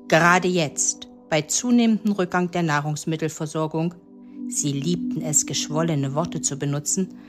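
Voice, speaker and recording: A woman reading a fable aloud as narrator, in a measured storytelling manner. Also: deep voice. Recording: narration over background music.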